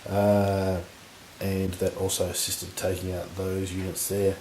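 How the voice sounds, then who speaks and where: A man with a husky voice from recent illness, giving relaxed, rambling commentary on a tabletop battle. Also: sits low, a little slow. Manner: relaxed, rambling, lots of fillers. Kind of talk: casual game commentary. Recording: echoey room with faint noise.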